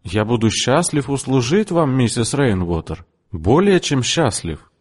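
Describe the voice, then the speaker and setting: A man's voice: medium pitch, big pitch swings, measured pace, in a large hall, pitched above the performer's own voice. A man voicing a tall, proud male shop clerk in a story reading, polite and composed. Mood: calm.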